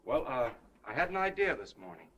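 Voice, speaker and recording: An actor playing an earnest, smitten newspaperman, halting and tender, in 1930s screwball comedy film banter. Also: medium pitch, sing-song, a bit bright, a little hiss or hum. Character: earnest, smitten newspaperman, awkwardly gentle and solemn.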